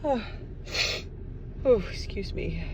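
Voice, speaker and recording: A woman's voice: expressive, takes it slowly. A woman sneezing over and over in a car, apologizing breathily between sneezes. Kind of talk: sneezing video recorded while driving. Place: inside a car on the road. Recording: dull lo-fi sound with loud car noise. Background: car engine rumble.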